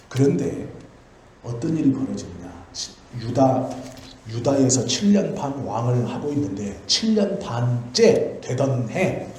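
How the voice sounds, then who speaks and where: A male pastor with a mellow, medium-pitched voice tells a Bible story during a sermon in a church sanctuary. He is chatty and conversational, posing questions and answering them himself, and the very echoey hall adds faint noise.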